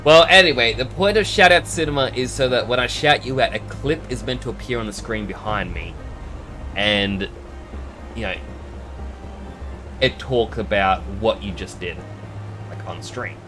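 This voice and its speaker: A man chatting casually as a livestreamer, in an animated, theatrical and chatty manner while he plays a game. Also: medium pitch, normal speed, pauses often. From Australia. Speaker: livestreamer, VTuber. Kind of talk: casual gameplay stream chat with read-aloud game dialogue. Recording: music behind the voice.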